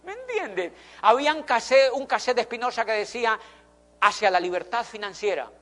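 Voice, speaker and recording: A man's voice: very high-pitched, expressive, a little fast, bright, forceful tone. A middle-aged man, telling an emphatic motivational story to an audience and repeating phrases for effect. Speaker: motivational speaker.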